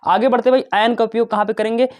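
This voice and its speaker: A man's voice: very high voice, steady tone, fast. A young man teaching a casual lesson, chatty and brotherly, asking and answering his own questions. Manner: chatty, calls students "bhai" and "babu", asks and answers his own questions.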